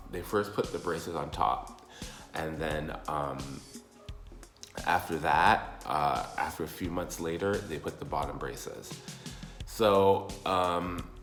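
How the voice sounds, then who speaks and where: Very deep-voiced, slow-talking man vlogging. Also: fairly bright tone, roomy sound. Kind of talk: casual personal update vlog.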